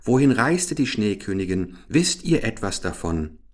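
A man voicing a frightened, gentle little girl who speaks timidly and pleadingly. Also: lowish voice, big pitch swings, unhurried, pitched above the performer's own voice.

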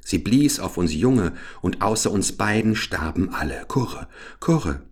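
A man's voice: on the low side, lively intonation, a little slow, breathy edge, heavily acted. Cooing caged pigeons, sing-song, by a man, storybook. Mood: mournful.

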